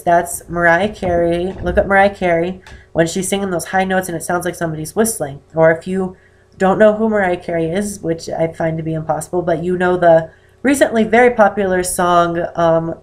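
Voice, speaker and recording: An eighteen-year-old male vlogger with an unusually high-pitched voice and damaged vocal cords talks casually to camera in a poorly lit indoor room. He rambles about personal matters, with many ums and self-corrections.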